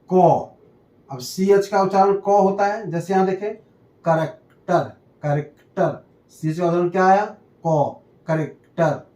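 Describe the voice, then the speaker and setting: A man teaches pronunciation at a slow, careful pace, saying each example word twice. His voice sits high but sounds mellow and soft. The room around him echoes. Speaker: English teacher. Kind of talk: explaining a lesson.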